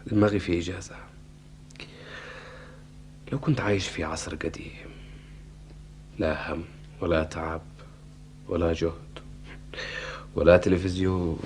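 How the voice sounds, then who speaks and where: An actor playing a frustrated, dreamy writer husband in a television drama, theatrical in manner, with a Yemeni accent. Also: male voice, mid-range voice, very animated, racing, a little mellow, a little hiss or hum, natural voice. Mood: weary. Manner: theatrical, swinging from sighing musing to exclaiming.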